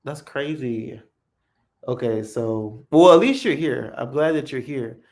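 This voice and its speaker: Man, native English speaker, live-stream host, unhurried and friendly, mid-range voice, slow delivery. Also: medium pitch, lively intonation, a little mellow. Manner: unhurried, friendly, answers viewer comments. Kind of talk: casual live-stream chat, switching between English and Spanish.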